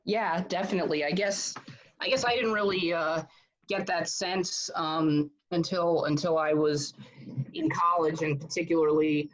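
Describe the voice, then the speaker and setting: A man in his thirties from Connecticut talks in a flat, even tone as a guest in a casual interview. He stops and restarts often and repeats words as he thinks. The sound is dull and muffled. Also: a little high, measured pace. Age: 30s.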